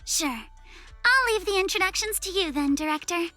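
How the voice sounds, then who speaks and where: A proud young lady of good family in an anime game. Her voice is extremely high, bright and swooping, prim yet plucky and earnest. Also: expressive, normal speed, no room sound, faint music behind, heavily acted. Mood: polite. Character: proud, plucky young rich girl, student surfer.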